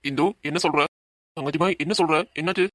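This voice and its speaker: A man's voice: on the high side, fairly even intonation, fast talker, a bit bright, dry recording. A man voicing an earnest, protective young man who comforts his cousin. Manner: reassuring, firm.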